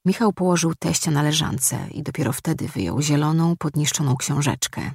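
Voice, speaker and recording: An audiobook narrator reading a story in a steady, measured way. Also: mid-range voice, gravelly, slightly rough, no echo, studio quality. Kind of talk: scripted narration.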